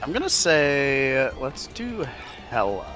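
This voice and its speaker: With game music running underneath, a young guy talks to his teammate in an easygoing, filler-heavy way. His pitch sits in the middle and he speaks a little slowly, keeping the gaming chat loose.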